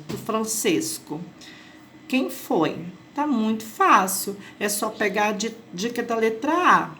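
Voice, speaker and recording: Brazilian female schoolteacher, patient explainer, slightly high pitch, light background hiss. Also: fairly bright tone. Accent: Brazilian Portuguese. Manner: patient, checks in with "tá?" and "né?". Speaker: teacher. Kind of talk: explanatory lesson for children.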